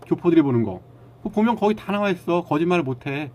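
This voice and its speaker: Blunt, lively man lecturing his stream chat. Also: fairly high pitch, fast. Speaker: live streamer. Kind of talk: casual live-stream chat with viewers.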